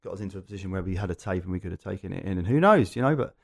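Essex bloke just chatting and telling stories, voice on the low side. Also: male voice, lively intonation, rapid-fire, vocal fry. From Essex, England. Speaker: podcast guest. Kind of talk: casual anecdotal chat.

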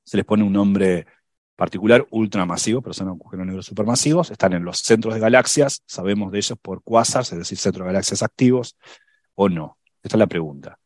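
Low-voiced man explaining science, dry sound. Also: a little fast, a little mellow, dry recording. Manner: thinks aloud with many fillers and restarts. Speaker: science podcast panelist. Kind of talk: casual explanatory chat.

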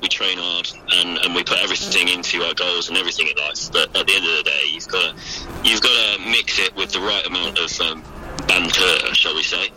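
A man's voice: sits low, bright, forceful tone. A man with a British accent co-hosting a podcast by phone, chatting in a jokey, rambling, hesitant way. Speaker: podcast co-host and para-athlete. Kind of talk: casual chat. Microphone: phone call. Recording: noisy phone call recording.

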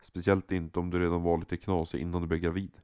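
Guy playing a sweet boyfriend, low warm voice, gentle and a bit teasing. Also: flat delivery, no room sound, clean studio sound, natural voice. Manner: soft, affectionate and playful. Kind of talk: amateur audio drama acting.

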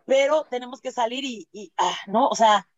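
Chatting casually in an interview, a Mexican-accented laughter doctor tells lively stories, often performing quotes and using frequent fillers and tag questions. Her slightly high voice moves at a normal speed on a dry recording whose high frequencies are cut off.

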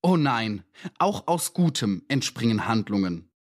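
Man doing a tormented murderer in his 30s, impassioned and self-justifying; middle pitch, audiobook. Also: sing-song, a little slow. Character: tormented male murderer, 36 years old, pleading.

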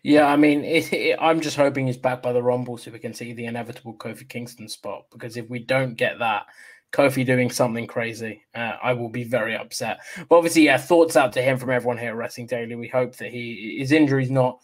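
A man hosting a wrestling news show in a casual, chatty style, often halting and restarting his sentences. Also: medium pitch, fairly even intonation.

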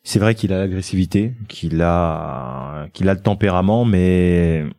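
A man with a very mellow, fairly low voice analyses football in casual panel talk. The sound around him is dry. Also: unhurried, vocal fry, no echo. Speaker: football pundit.

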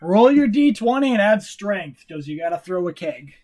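A man's voice: high-pitched, sing-song, normal speed, darkish tone. A man narrating a tabletop role-play game as game master, playful and often laughing.

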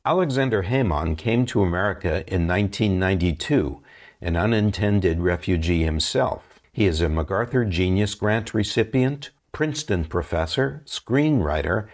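A man hosting an interview, reading an introduction and asking measured, formal questions. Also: sits low. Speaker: interviewer host.

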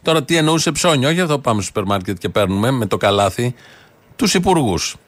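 A man's voice: mid-range voice, expressive. A man hosting a satirical show, commenting on clips in a mocking, amused way.

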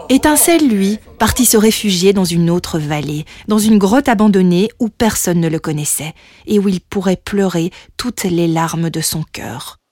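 A woman narrating a children's storybook in an expressive, playful way. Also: mid-range voice. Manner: expressive, playful with sound words.

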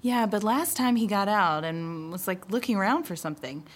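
A woman's voice: medium pitch, expressive, normal speed, lightly acted. A woman playing a worried sidekick on a stakeout in a sitcom radio play, asking hesitant questions.

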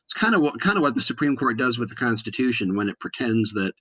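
American man explaining politics, mid-pitched. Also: sing-song, quick pace, sharp tone, breathy edge. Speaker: expert guest.

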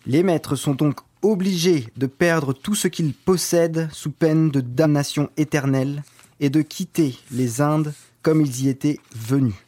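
A man's voice: on the high side, measured pace, dark tone. A man playing an indignant seventeenth-century missionary priest, reading historical writings in a solemn, declamatory way over music. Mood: solemn insistence.

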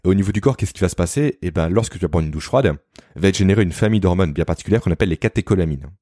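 A man's voice: low-pitched, lively intonation, dark tone, dry recording, studio quality. A man explaining health topics as a guest, in a didactic, informal way. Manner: fast, didactic, addresses the listener informally. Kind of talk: explanatory podcast talk.

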